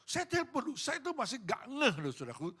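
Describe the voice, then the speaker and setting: A man's voice: extremely high pitch, wildly swooping pitch, a little fast, sharp tone, slightly rough. A middle-aged male pastor with a Javanese accent, preaching at a church service and telling stories of phone calls he received. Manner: storytelling, acting out phone calls. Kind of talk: sermon with storytelling.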